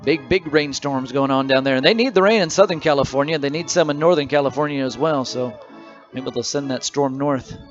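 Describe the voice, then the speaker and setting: A man announcing a baseball game play-by-play, reading stats and scores between pitches in a conversational way. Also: a little fast, highs cut off, soft background music. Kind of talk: radio baseball commentary.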